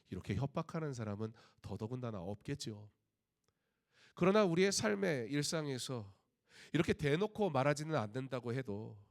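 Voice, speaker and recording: A man's voice: medium pitch, darkish tone. A middle-aged Korean man, a pastor, preaching a sermon at a Friday prayer meeting, asking rhetorical questions and telling personal stories.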